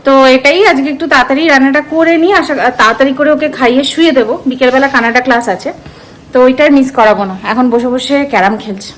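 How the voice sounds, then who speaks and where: A woman's voice: high-pitched, quick pace, a bit bright, a little hiss or hum. A woman in her thirties, a mother, chatting through her day at home in a casual vlog, thinking aloud with many fillers. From eastern India. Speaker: vlogger and mother. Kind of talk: casual daily vlog narration. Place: home, partly in a kitchen.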